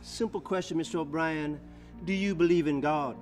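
Dude doing a smooth sneaky lawyer, kinda high voice, calm digs. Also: male voice, normal speed, over music, lightly acted. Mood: probing. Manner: cool, probing, quietly needling. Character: smooth, cunning male cross-examining lawyer.

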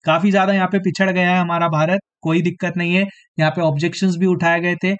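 A fairly high-voiced exam coaching teacher runs an online quiz class, talking fast in a level tone. Slightly hoarse and clearing his throat, he speaks directly to students and checks in after nearly every point with a repeated "theek hai," all in dull, lo-fi streamed-lesson audio.

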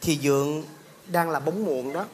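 A man playing a calm, lecturing young son in a stage comedy sketch. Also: on the high side, some chatter behind, a little hiss or hum, close to an everyday voice. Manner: measured, lecturing.

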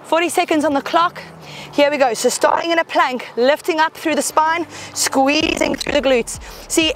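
A woman fitness instructor leading a workout, cheering on and counting down reps, a bit out of breath from moving along, with a mic close to her mouth. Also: sits high. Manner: upbeat, encouraging, counting down reps. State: slightly out of breath while exercising. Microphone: headset or clip-on mic close to mouth.

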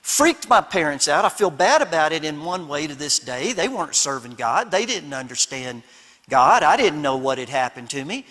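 Male pastor, high voice, homespun storytelling sermon with emphatic repeats; long church-hall reverb. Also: big pitch swings, moderate pace, bright, forceful tone. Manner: storytelling, humorous and down to earth; emphatic repetition. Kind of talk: conference sermon.

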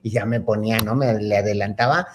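A man hosting, telling a childhood story in a campy, animated way and acting out the quotes. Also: lowish voice, a little fast, a little hiss or hum. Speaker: host. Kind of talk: casual storytelling.

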